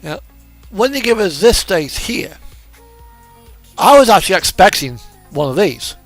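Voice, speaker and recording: A video game streamer chats casually and rambles as he thinks aloud while playing a driving game, with radio music and a truck engine behind him. His high-pitched voice is fairly bright, swings widely in pitch at a measured pace, and has no echo.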